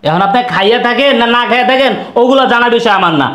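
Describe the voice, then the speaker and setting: A high-voiced, rapid-fire bully of a husband, played by a man, hectoring his in-laws. His tone is bright and hard-edged. The scene sits in an echoey room. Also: lively intonation. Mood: angry bullying. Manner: hectoring, shouting threats. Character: greedy bullying young husband, threatening. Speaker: son-in-law demanding money. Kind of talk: amateur short-film acting.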